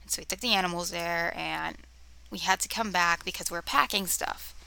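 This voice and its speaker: A young woman tells ghost stories in a loose, rambling way, full of fillers and sudden dips into a whisper. Her voice is bright with a gravelly edge. She records on a cheap camera mic in her room at home. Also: lowish voice, fairly quick. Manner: rambling, many fillers, often drops to a whisper; easily distracted, talks to her cat. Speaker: vlogger. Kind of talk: casual storytelling to camera. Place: bedroom near a road, windows open.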